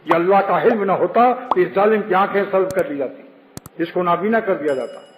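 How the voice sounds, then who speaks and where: A man's voice: high-pitched, slight background noise. A man giving a religious sermon, explaining his points and telling anecdotes. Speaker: preacher. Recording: phone-like with long hall reverb.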